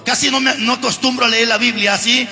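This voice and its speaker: A male pastor from Guatemala preaching a fervent, emphatic sermon in a church, often raising his voice to a shout. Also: very high voice, fairly even intonation, quick pace. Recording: long hall reverb with music behind.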